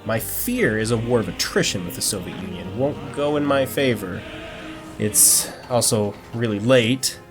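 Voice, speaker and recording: A man's voice: lowish voice, animated, unhurried, over music. A man narrating a strategy game campaign in a mock-dramatic storytelling tone, breaking it with dry joking asides.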